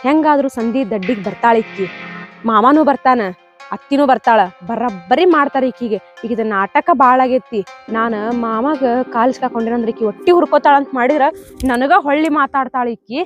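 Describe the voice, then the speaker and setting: A woman's voice: on the high side, normal speed, dull audio, faint music behind. A woman with a North Karnataka accent acting a complaining young wife in a village comedy skit, whining and then plotting in asides. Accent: North Karnataka Kannada.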